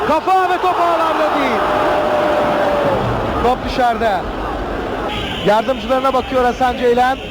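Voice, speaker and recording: A man calling a football match live, naming players in clipped bursts and lifting his voice on chances. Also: extremely high pitch. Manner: clipped player-name calls rising on chances. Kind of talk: live play-by-play football commentary. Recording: noisy old TV broadcast with loud crowd. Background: loud stadium crowd.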